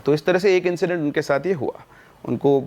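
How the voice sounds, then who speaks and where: A man's voice: fairly high pitch, brisk, a little mellow. Chatty man telling a ghost story. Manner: chatty, digressive, conversational. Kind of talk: casual ghost-story narration.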